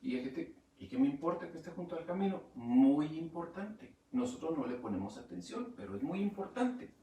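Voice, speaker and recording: A man pastor preaching a sermon, swinging from quiet asides to loud emphatic rises. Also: on the high side, very animated, moderate pace, echoey room, recorded from a distance, a little hiss or hum. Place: church.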